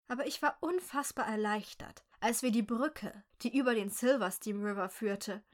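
A woman reading a dark first-person story aloud in a slow, measured, quietly tense way. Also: medium pitch.

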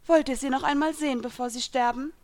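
A woman voicing a mocking young villainess in a fan fiction reading, taunting in a raised, louder voice. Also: fairly even intonation, fast, close to an everyday voice. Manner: taunting, sneering, louder and higher.

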